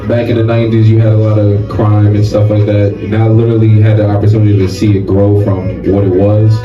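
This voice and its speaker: A man speaks in a low, flat, unhurried way as an interview guest. The sound is dull and distant, with room echo and music underneath. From New York. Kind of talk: casual interview chat.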